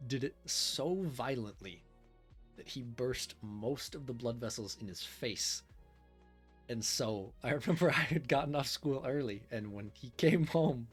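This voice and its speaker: A man of ordinary pitch talks easily through a long anecdote, steering the group chat like a podcast co-host. His storytelling is relaxed and unhurried, and faint lo-fi music plays softly behind him. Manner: relaxed storytelling, leads the talk. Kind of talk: casual chat.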